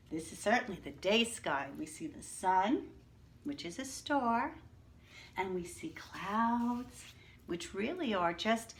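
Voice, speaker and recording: Speaking at a medium pitch, a woman takes her class through a children's picture book at a slow, careful pace, with broad, expressive swings in her voice. She pauses again and again to explain and to quiz the kids, patient and teacherly throughout.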